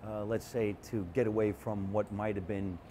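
A man, a comedian telling animated stories from his childhood in a casual interview. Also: lowish voice, normal speed, a little hiss or hum. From Jersey City, New Jersey. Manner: animated, chatty storyteller with frequent restarts. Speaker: comedian, guest.

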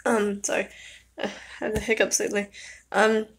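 A woman's voice: medium pitch, level tone, normal speed, very noisy. A young woman hosting a reaction video, chatting casually in a rambling way and correcting herself as she goes.

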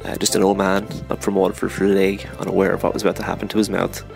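A man's voice: low-pitched, completely flat delivery, racing, vocal fry, music in the background. A man, a podcast host, reading a chatty, self-mocking sponsor spot that he recorded on a phone dictaphone app away from the studio. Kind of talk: casual read sponsor spot. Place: home in Waterford, not the studio.

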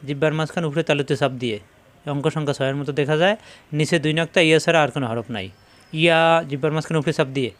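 A man teaching Quran letter pronunciation, repeating each letter slowly and explaining where it is formed in the mouth. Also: fairly high pitch, a bit bright. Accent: Bangladeshi Bengali. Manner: slow, drawn-out letter sounds between instructions.

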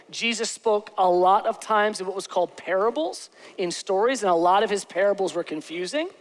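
Man, pastor, sermon, joking, checks in with "okay?", slows on key words, church stage, headset mic. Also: sits high, fairly bright tone.

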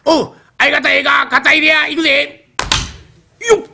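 A man voicing a rowdy, eager male palanquin bearer with a Kansai accent, calling out brisk orders and fawning over customers in traditional comic storytelling. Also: very high voice, vocal fry, noisy background, pitched above the performer's own voice, heavily acted.

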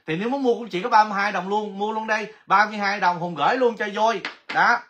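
A man hosting a casual livestream giveaway, chatty and excitable, exclaiming often. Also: high voice, fast, lo-fi sound, slight background noise. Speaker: livestream host.

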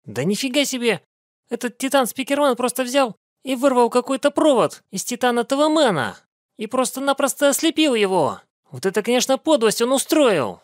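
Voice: mid-range voice, very animated, moderate pace, dry recording, clean studio sound. A reaction show host giving casual, colloquial commentary in an incredulous manner. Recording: cartoon music behind the voice.

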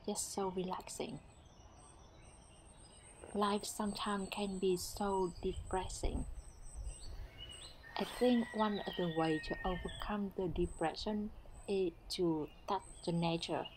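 A woman narrating a foraging vlog as a guide, speaking calmly in simple, non-native English. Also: medium pitch, takes it slowly, long pauses, noisy background. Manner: calm, simple instructive phrasing.

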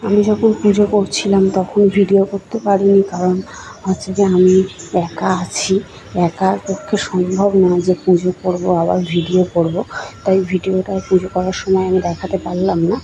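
A woman's voice: medium pitch, little pitch movement, normal speed. Woman vlogging on a noisy street. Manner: chatty running commentary while walking. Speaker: lifestyle vlogger. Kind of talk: casual vlog narration. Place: outdoors on streets and at a temple in light rain.

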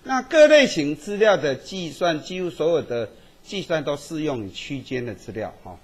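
A husky male statistics teacher, lecturing to a classroom. His pitch swings up and down lively as he keeps tagging sentences with quick checks on whether the students follow.

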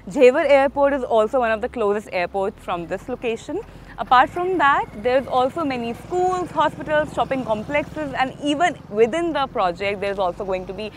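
A young woman presenting an upbeat walkthrough tour of a residential complex, speaking with enthusiastic, sales-minded energy on a lapel mic outdoors. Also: fairly high pitch. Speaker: real estate presenter.

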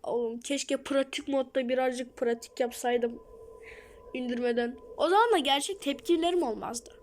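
A woman's voice: high voice, moderate pace, a little mellow. A woman hosting her gaming channel, jumpy and self-mocking, talking to herself through a horror game at home. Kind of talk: horror game let's play commentary.

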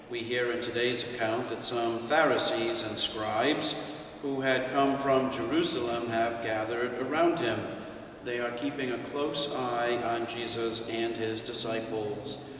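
An older man, a priest, reading scripture and preaching a homily in a slow, measured way from a lectern in a church. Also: medium pitch, a bit bright, slight background noise. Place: church sanctuary in front of a stained-glass window. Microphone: distant camera mic. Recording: echoey church from a distance.

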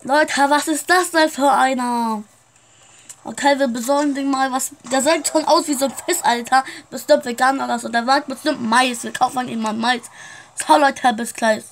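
A woman's voice: high-pitched, fairly even intonation, moderate pace. A woman playing a shopkeeper in a casual game roleplay, chatting straight to her viewers. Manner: chatty, keeps addressing viewers.

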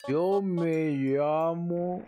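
A man, commentating a game live and reading its text aloud, excitable, swearing often and shouting suddenly. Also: on the high side, very slow. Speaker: streamer. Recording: game music playing clearly behind the voice.

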